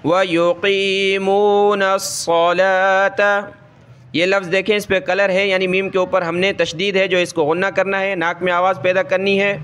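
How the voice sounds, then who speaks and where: A Quran reading teacher with a high, smooth, resonant voice. He speaks in quick bursts of explanation, often asks and answers his own questions, and then recites each word very slowly and repeats it. His delivery stays on an even, level tone. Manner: rapid explanations alternating with slow drawn-out recitation of words.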